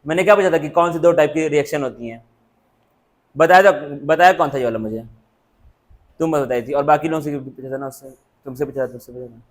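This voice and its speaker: A man's voice: a little high, fast. A man teaching a coaching class, scolding his students in a stern, repetitive lecturing manner. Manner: stern, lecturing, repeats himself.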